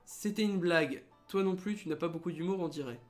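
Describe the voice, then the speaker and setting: A man's voice: high-pitched, a little fast, faint music behind. Sarcastic young man doing game commentary. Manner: sarcastic, joking asides, reads game text aloud. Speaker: let's play host. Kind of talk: casual gaming commentary.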